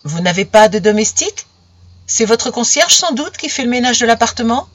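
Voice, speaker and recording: Narrator doing a jealous young woman, sharp accusing questions, raised and loud, husky edge. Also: fairly high pitch, expressive, normal speed, voice pushed up. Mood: prying. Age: young adult. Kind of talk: audiobook character voice.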